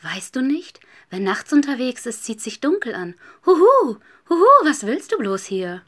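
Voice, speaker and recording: A woman voicing a curious, scolding owl in a children's story, with high hooting calls. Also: sing-song, normal speed, fairly bright tone, heavily acted. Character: hooting nosy owl, shrill and loud.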